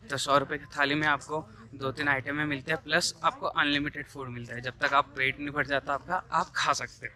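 A man's voice: on the high side, bright, forceful tone. A young man on a travel vlog, filming himself at arm's length outdoors and chatting about his plans. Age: young adult. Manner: chatty, explains plans to viewers. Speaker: travel vlogger. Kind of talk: casual travel vlog narration. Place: outdoors on a hillside road. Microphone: camera held at arm's length. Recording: outdoor noise in the background.

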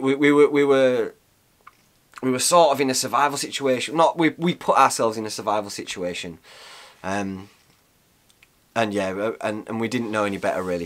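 In a small, cosy room, a thirty-something man who vlogs about outdoor cooking talks to the camera in a chatty, meandering way, often restarting sentences and leaning on fillers. His voice is mid-range and fairly bright.

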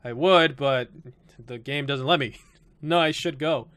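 A man's voice: mid-range voice, unhurried, fairly bright tone, no echo. A man doing gameplay commentary on a horror game, reading the game text aloud and swearing and joking as he plays. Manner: swears and jokes at jump scares. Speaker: let's play gamer.

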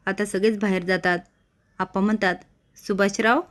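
A woman narrating a TV serial recap in a casual storytelling way, briskly retelling events and voicing the dialogue. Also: medium pitch, little pitch movement.

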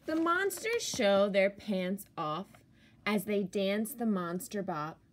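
This is a woman teacher reading a picture book to children at a slow pace, putting expressive emphasis on key words. Her voice is medium in pitch, and a faint hiss or hum runs underneath.

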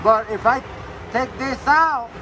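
A man's voice: extremely high pitch, slow pace. A man in his thirties, a truck driver, talking casually to his phone camera in a loose, rambling way. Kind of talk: casual vlog talk to camera. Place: truck cab at night, and outdoors by the truck. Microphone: phone camera held at arm's length. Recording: loud road and engine noise.

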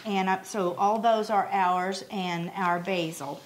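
A middle-aged woman talks through a home recipe in an easy, explanatory way. Her voice sits at a middle pitch. A faint hiss runs under the kitchen recording. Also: steady tone, slow. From Oklahoma. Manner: chatty and explanatory. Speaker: cooking channel co-host. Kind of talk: casual cooking chat.

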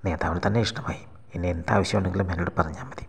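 A man reading a sly, hushed male broker. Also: sits low, fairly even intonation, quick pace, creaky, breathy edge, big-room sound, heavily acted. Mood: coaxing. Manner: hushed, coaxing.

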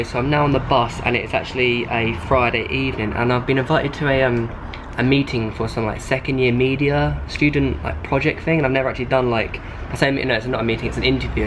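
A man's voice: medium pitch, noisy background. A young man with a British accent, chatting casually to a camera as a vlogger. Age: young adult. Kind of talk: casual vlog chat. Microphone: handheld camera at arm's length.

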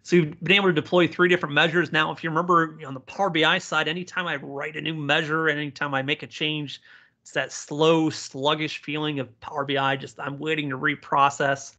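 Male tech trainer for an informal live tutorial: bright, a touch high, encouraging and talking straight to learners. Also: flat delivery, fairly quick. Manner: encouraging, addresses learners directly. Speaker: software instructor, community presenter.

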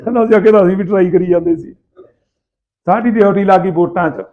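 A man with a Malwai Punjabi accent casually telling anecdotes in rough, earthy, animated banter, acting out people's dialogue. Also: high voice, fast talker. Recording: tinny, phone-like narrow sound.

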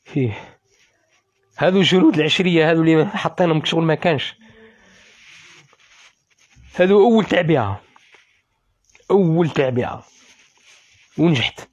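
Fast, impassioned Algerian man. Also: fairly high pitch, breathy edge, highs cut off. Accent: Algerian Arabic. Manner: emotional, pleading and indignant, repeats phrases. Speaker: former soldier speaking on a livestream. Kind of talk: impassioned live-stream appeal.

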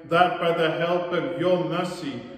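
A priest's fairly high male voice recites the prayers of Mass slowly and solemnly. A cathedral echo rings around every phrase, with a long reverb trailing off through a large church. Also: steady tone.

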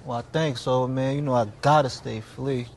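A man's voice: medium pitch, fairly even intonation, normal speed, gravelly, slight background noise, lightly acted. A young man playing a cocky guy in flashy streetwear, talking in casual street slang in a comedic short film.

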